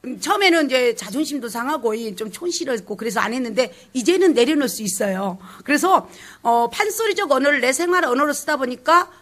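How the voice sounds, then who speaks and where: A woman from South Jeolla with a Jeolla dialect accent, teaching pansori in a lively lecture full of acted dialect and sung examples. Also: high voice, fairly quick. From South Jeolla, Korea. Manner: animated, switches into dialect role-play and sung phrases.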